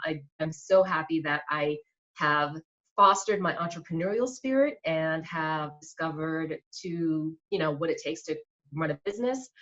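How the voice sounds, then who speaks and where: A woman's voice: low-pitched, lo-fi sound. A woman, an enthusiastic guest telling her story in a casual interview. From Queens, New York. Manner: enthusiastic, warm storyteller with many fillers. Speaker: guest, small business owner.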